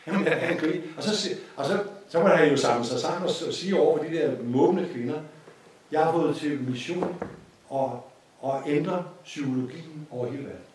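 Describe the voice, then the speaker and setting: Danish guy lecturing a course, kinda high voice, far off mic in a really echoey room. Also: a little hiss or hum. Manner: storytelling, repeats phrases, animated asides. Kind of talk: informal spoken lecture. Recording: echoey hall from a distance.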